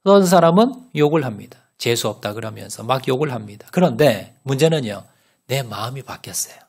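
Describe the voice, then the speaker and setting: Korean pastor preaching, lively pitch swings. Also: male voice, a little fast, vocal fry, husky. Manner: storytelling with sudden loud rises and soft drops; asks the congregation rhetorical questions. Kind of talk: sermon.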